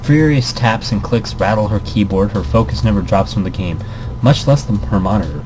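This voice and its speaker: This let's player's lowish voice has lively intonation and a normal speed as he reads a visual novel aloud, rambling, interrupting himself, and making playful asides. He's heard over music and background noise, and the audio is poor.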